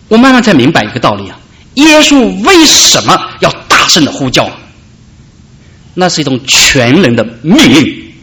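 A man preaching a sermon, calling out loudly at high points and dropping soft in between. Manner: preaching with dramatic rises and soft drops. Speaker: pastor.

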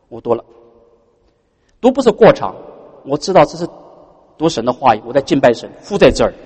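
A man preaching a sermon, animated and throwing rhetorical questions at the congregation. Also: fairly high pitch, husky, big-room sound. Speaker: pastor.

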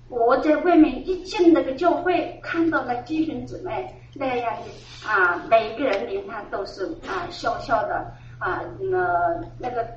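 A woman's voice: high voice, a little hiss or hum. A middle-aged woman giving an earnest personal testimony at a church gathering, repeating phrases and laughing now and then as she tells it. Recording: echoey, distant, dull room recording.

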